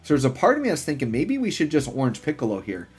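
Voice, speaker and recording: A man giving casual, slangy gameplay commentary in an excited, rambling way. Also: on the high side, quick pace, husky. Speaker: gaming video host. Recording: music behind the voice. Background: music.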